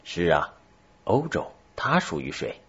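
A man voicing an excitable middle-aged French geographer who questions with sarcastic irony in an audiobook. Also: sits low, a little slow, husky, exaggerated voice. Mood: ironic. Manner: sarcastic, increasingly agitated questioning. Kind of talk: audiobook character reading. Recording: dull lo-fi recording.

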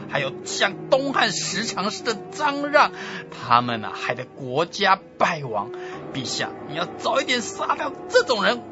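A man's voice: sits high, muffled recording, voice pushed up. A man playing a furious, tearful general. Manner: fiery pleading with drawn-out words. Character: stubborn loyal male general, furious and tearful.

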